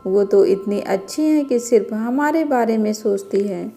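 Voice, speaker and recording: A woman's voice: medium pitch, lively intonation, moderate pace, warm tone, soft background music, natural voice. A woman voicing a young newlywed daughter-in-law who speaks respectfully and eagerly in a storybook tale. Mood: earnest. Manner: respectful, deferential.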